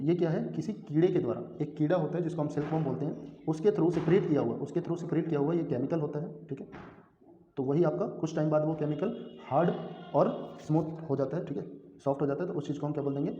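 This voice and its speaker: A man's voice: on the high side, dark tone. A male teacher giving an exam-prep lecture, who keeps asking questions and answering them himself and checks in often with his students. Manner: frequent "theek hai" check-ins. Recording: echoey room, dull lo-fi sound.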